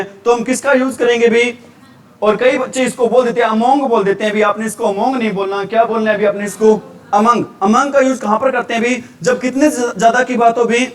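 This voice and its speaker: A man from India leads a grammar revision lecture in a strikingly high voice. He keeps asking questions and answering them himself. The mic sits some distance away. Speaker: teacher.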